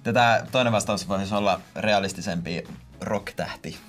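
A man's voice: lowish voice, faint music behind. A man in his thirties co-hosting a podcast, joking playfully and imitating sounds in casual chat. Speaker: podcast co-host.

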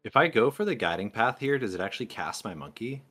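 Male gamer, lowish voice, casual podcast chat, musing aloud over each play. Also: lively intonation, fast, sharp tone. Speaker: podcast participant playing a card game.

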